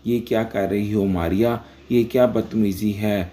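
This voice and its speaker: A man's voice: fairly low pitch, fairly even intonation, warm tone, lightly acted. A man reading the lines of an angry, outspoken young married woman in a storybook narration, scolding. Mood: shocked.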